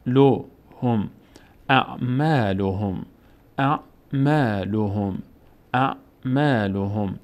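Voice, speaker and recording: A man teaching Quran reading, explaining each rule and then slowly repeating syllables and whole words for learners to copy. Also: medium pitch. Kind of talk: step-by-step recitation lesson.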